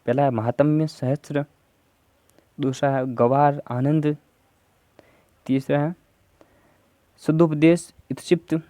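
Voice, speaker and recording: A man's voice: fairly high pitch, steady tone, slow, pauses often, dark tone, no room sound. A man teaching Hindi grammar for an exam, going through answer options step by step and prompting viewers to answer. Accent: Rajasthani. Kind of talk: exam prep lesson.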